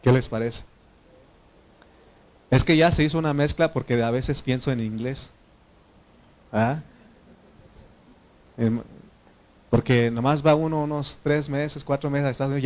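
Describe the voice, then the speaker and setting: A man's voice: mid-range voice, steady tone, normal speed, long pauses, a little mellow. Man, pastor from Oaxaca, Mexican Spanish accent, second-language speaker, chatty sermon delivery with fillers and questions to the room. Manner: conversational, asks the congregation questions; frequent fillers and self-corrections.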